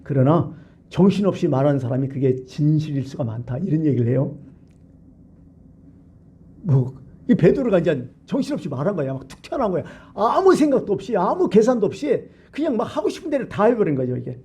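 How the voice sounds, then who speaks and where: A man pastor preaching a colloquial, lively sermon in a church, full of rhetorical questions to the congregation. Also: a little high, fairly quick, breathy edge. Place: church sanctuary.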